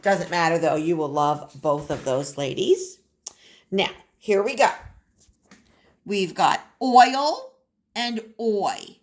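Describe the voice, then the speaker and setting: A woman's voice: deep voice, unhurried. A woman kindergarten teacher giving a phonics lesson to young children, sounding out and repeating words with exaggerated emphasis and encouraging them directly.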